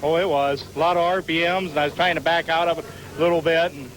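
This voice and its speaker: A man's voice: on the high side, fairly even intonation, fast, a bit bright. A man who drives in pulls, giving a casual post-run interview outdoors. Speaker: competing driver. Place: outdoors at a pulling track. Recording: noisy outdoor trackside.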